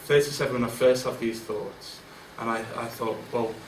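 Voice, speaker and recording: A guest speaker in his forties gives an informal business speech to a large event room full of people, candid and self-deprecating, stopping and restarting often. His middling pitch carries fairly even intonation at a normal speed. The distant mic picks him up across the roomy space with a faint hum of ambience.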